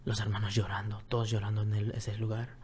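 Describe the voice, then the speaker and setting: Soft-spoken Mexican man telling his story. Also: fairly low pitch, little pitch movement, fairly quick, slight background noise. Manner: repetitive, earnest retelling, often drops to a soft near-whisper. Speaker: guest. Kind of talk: personal testimony, conversational storytelling.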